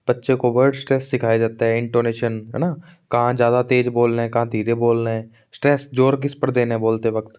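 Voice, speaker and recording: A man giving an exam-prep English teaching lecture. He talks conversationally, keeps checking in with "है ना?", and reads the English points slowly before explaining them. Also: mid-range voice, mellow, dull audio. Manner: conversational, keeps asking "है ना?" to his students. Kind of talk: Hindi lecture on teaching methods.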